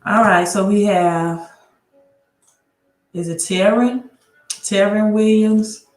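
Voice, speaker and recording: A woman who teaches about credit hosts a laid-back livestream on her laptop mic, talking chattily, restarting often, and fixing tech mid-stream. Her mid-range voice is slow and a little mellow, and the audio is reverberant.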